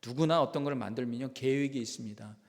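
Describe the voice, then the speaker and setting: A male pastor giving a Sunday sermon in a church sanctuary, telling a story with animated delivery and drawing out key words for emphasis. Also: mid-range voice, fast, creaky. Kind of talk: Korean sermon. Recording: long reverb of a church hall.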